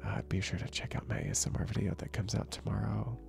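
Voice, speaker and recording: A young man talks softly and slowly in a relaxed, soft-spoken ASMR manner as he chats with viewers. His voice sits low and has a heavily gravelly, fry-filled texture. Faint relaxing music plays behind him. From northern region. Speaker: streamer.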